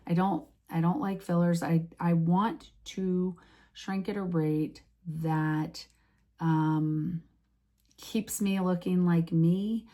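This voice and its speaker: A woman's voice: fairly low pitch, steady tone, takes it slowly, mellow. A woman in her late fifties chatting casually to her followers, rambling with many restarts and fillers. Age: 50s. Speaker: vlogger. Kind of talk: casual chat to camera.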